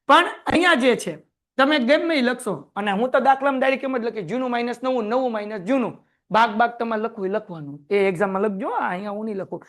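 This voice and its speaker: A man teaching a class, lively and joking as he quizzes his students. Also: very high voice, fast. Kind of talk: classroom lecture.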